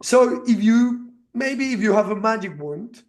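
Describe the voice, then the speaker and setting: A man with a notably high voice hosts a casual podcast interview. He asks his questions in a friendly, conversational way. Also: lively intonation, unhurried, darkish tone. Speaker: podcast host.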